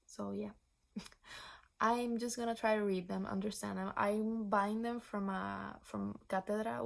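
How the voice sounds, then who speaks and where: Young woman, 19, from Venezuela, book vlogger, casual rambling chat, whispered asides, gravelly fry, flat intonation. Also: mid-range voice. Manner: chatty, rambling with frequent restarts and asides; drops into breathy whispers for asides.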